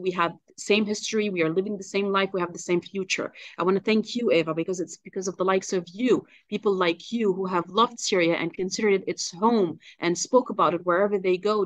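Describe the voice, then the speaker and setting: A woman from Lebanon speaking as a guest journalist in an interview, passionate and halting, with many fillers and restarts. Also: medium pitch, dry recording. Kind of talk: interview on a call.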